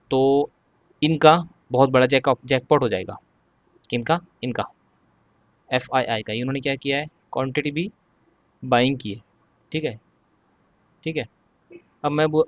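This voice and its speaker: A man's voice: medium pitch, no echo, dull audio. A man, explaining trading charts step by step in a casual lesson and often checking in with the listener. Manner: explains step by step, repeats "ठीक है" often, says he will speak slowly. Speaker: stock market trading educator.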